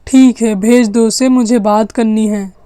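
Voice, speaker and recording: A woman voicing a stern middle-aged father in a doll story, with a slow, commanding manner. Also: fairly high pitch, fairly even intonation, warm tone, smooth, dry recording, close to an everyday voice.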